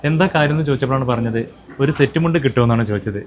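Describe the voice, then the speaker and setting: A man from Kerala, a handloom shop owner, talking casually in a loud, coaxing way and repeating his reassurances. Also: mid-range voice, very fast. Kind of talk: casual chat.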